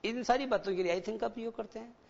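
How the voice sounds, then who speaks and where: A man teaching an English class to schoolchildren, explaining slowly and asking them rhetorical questions. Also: sits high, vocal fry. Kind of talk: classroom lecture. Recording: dull lo-fi broadcast with long reverb.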